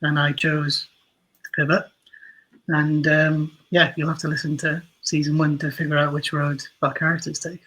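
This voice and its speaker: This audio drama writer and producer, appearing as an interview guest, has a fairly high, sharp-toned voice and speaks in a monotone at normal speed. The recording is low quality, and he talks casually, reflective and quick to poke fun at himself.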